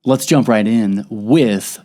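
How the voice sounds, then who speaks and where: A man hosting a podcast interview, talking in an earnest, relaxed way and also reading a sponsor spot. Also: fairly low pitch, slow pace, soft background music. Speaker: podcast host. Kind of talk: conversational interview with a sponsor read.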